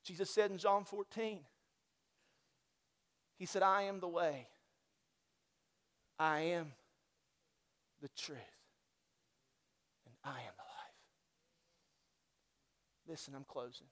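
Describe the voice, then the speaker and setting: A male pastor preaching a sermon in a church, swinging from loud, fervent exhortation down to quiet, near-whispered intensity, with repeated calls to the congregation. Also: high voice, steady tone, slow pace, pauses often. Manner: repetitive call-and-response exhortation. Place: church sanctuary.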